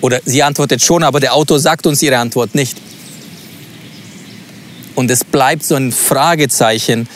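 A man's voice: medium pitch, a little hiss or hum. A man teaching on a Bible passage, thinking aloud and asking open questions. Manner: reflective, asks open questions. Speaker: preacher.

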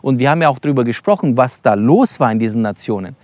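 A man's voice: medium pitch, animated, fast talker, a little mellow, dry recording. A man teaching from the Bible in a sermon, reading verses aloud and explaining them, stressing single words and addressing his listeners directly. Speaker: preacher.

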